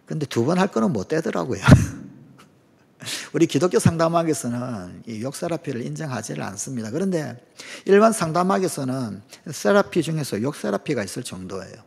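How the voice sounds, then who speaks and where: A middle-aged Korean pastor preaches a sermon in a slightly higher, husky voice. He tells stories, acts out quoted lines and keeps asking his congregation questions. A long church reverb trails after every phrase. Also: sing-song, normal speed. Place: church sanctuary.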